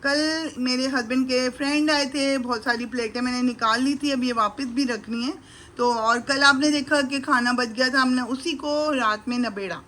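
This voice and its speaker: A woman's voice: high voice, fairly even intonation, moderate pace, pushed and bright. A middle-aged woman chatting casually to viewers as she cooks breakfast in her home kitchen, speaking fondly to her sons, recorded on a handheld camera. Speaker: vlogger and mother. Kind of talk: casual cooking vlog narration.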